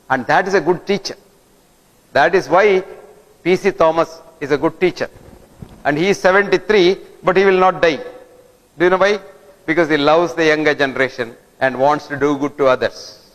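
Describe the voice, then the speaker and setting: Man lecturing in an echoing hall. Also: on the high side. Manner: didactic, fires rhetorical questions at listeners. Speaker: guest lecturer. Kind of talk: lecture to an audience. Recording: long hall reverb.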